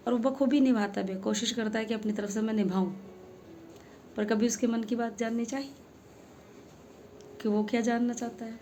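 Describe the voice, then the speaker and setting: A woman's voice: medium pitch, dark tone, slight background noise. A woman telling an earnest, emphatic story to her followers, asking rhetorical questions as she goes. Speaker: social media creator. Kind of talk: heartfelt storytelling monologue.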